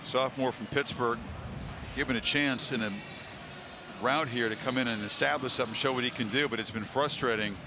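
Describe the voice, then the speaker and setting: A man's voice: mid-range voice, steady tone, fairly quick, noisy background. A man calling live football play-by-play as a broadcast announcer.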